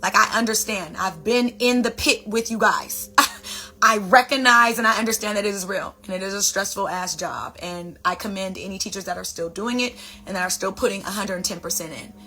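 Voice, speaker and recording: A woman's voice: mid-range voice, brisk, bright, forceful tone. A woman hosting her own vlog, talking casually and expressively to viewers. She repeats phrases for emphasis and calls them "baby" and "you guys". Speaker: vlog host, wellness speaker. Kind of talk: casual motivational talk to camera.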